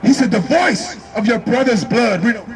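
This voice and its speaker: A man's voice: extremely high pitch, animated, normal speed, faint music behind. A man preaching on a city street at night, fiery and slangy, calling for responses from his listeners. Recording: noisy street crowd.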